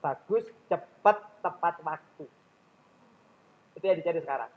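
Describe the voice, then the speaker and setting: A man's voice: fairly high pitch, moderate pace, phone-quality sound. A man with a Javanese accent giving a public speaking lecture in a mosque, often questioning his audience directly.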